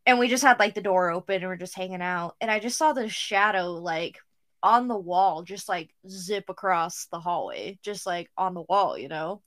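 A woman's voice: lowish voice, expressive, normal speed, fairly bright tone. A young woman co-hosting a podcast, chatting casually, saying "like" constantly and swearing now and then. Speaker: podcast co-host. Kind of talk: casual chat.

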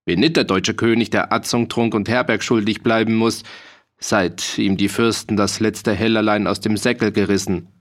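A man's voice: on the low side, steady tone, normal speed, natural voice. A man voicing a boastful, jolly mercenary soldier in an audiobook reading, hearty and bragging. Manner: hearty, bragging, dialect-heavy.

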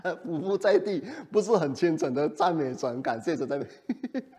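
A male pastor preaching a sermon in an animated way, often putting rhetorical questions to the congregation. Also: fairly high pitch, brisk.

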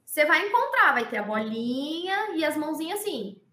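A woman explaining sign language in a casual conversation, very expressive and animated as she talks. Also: high-pitched, a little fast, echoey room, a little hiss or hum.

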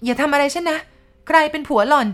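A woman voicing a frightened young wife who pleads in a high, shaky voice. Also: drawn-out words, mellow. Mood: terrified.

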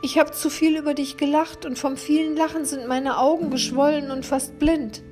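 A woman's voice: high voice, fairly even intonation, normal speed, music in the background, voice pushed up, natural voice. Woman voicing a wailing half-blind gnu. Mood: lamenting. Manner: wailing, plaintive.

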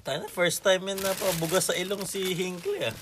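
A man's voice: high voice, fairly even intonation, moderate pace. A man joking around in casual banter among friends. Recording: noisy casual recording.

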